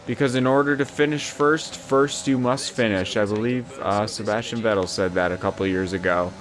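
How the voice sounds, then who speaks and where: A young man casually commentating his own racing game session, swearing often and rambling between excited yelps. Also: a little high, slight background noise. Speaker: gaming YouTuber.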